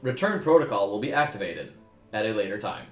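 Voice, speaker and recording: A man voicing a stiff, emotionless male robot warrior, speaking slowly in a clipped, flat robot voice. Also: fairly low pitch. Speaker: game master. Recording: roomy echoing sound.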